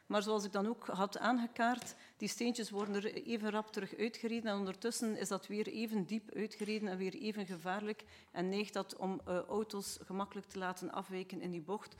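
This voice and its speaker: A woman's voice: mid-range voice, flat delivery, a little fast, hardly any pauses, a little hiss or hum. A woman with a Flemish accent, asking a council member detailed, earnest questions at a city council meeting.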